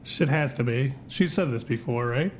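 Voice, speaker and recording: A man's voice: normal speed, natural voice. A man playing a terse, easily rattled brother in an audio drama, with curt, stammering, repetitive casual talk. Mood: dry, impatient. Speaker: co-host character, the host's brother. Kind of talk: audio drama acted as casual podcast chat. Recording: noisy, rumbling background.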